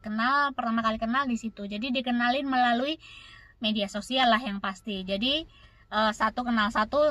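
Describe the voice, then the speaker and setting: A woman's voice: on the high side, pushed and bright, dry recording. A woman from Indonesia chatting casually to her viewers, answering their questions in a rambling, repetitive way. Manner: chatty, repeats words and fills with "gitu". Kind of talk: casual Q&A storytelling.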